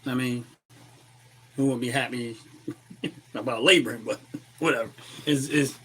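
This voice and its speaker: A man with an American accent hosting a casual, opinionated livestream commentary while a little under the weather, clearing his throat and repeating phrases for emphasis. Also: mid-range voice, fairly even intonation, a little slow, fairly bright tone, low-quality recording. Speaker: livestream host.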